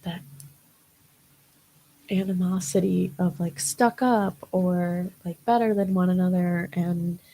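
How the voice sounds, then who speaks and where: A woman's voice: lowish voice, fairly even intonation, slow, warm tone, a little hiss or hum, low-quality recording. A young woman, a model, chatting casually as an interview guest, rambling with many fillers.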